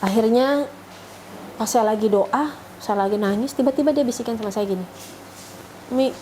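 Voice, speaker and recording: A woman's voice: on the high side, a little fast, mellow, a little hiss or hum, low-quality recording. Middle-aged woman telling her story. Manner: chatty, rambling storytelling with restarts and fillers. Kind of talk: emotional personal testimony.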